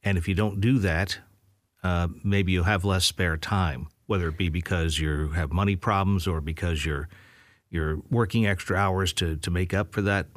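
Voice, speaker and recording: A man's voice: low voice, steady tone, normal speed, dry recording, studio quality. A man hosting a casual conversation, talking in an easygoing, hesitant way with fillers.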